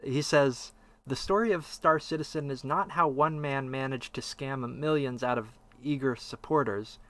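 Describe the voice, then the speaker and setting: A man co-hosting a casual podcast discussion talks conversationally, reading passages aloud and asking his co-host's opinion. His mid-range voice is a bit bright, at a moderate pace.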